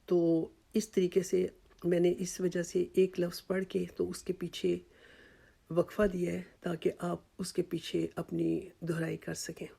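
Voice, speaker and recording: A woman with a Pakistani Urdu accent teaching tajweed step by step, slowly and patiently demonstrating sounds and pausing for repetition. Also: on the low side, completely flat delivery, gravelly, mellow, breathy edge. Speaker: Quran recitation teacher.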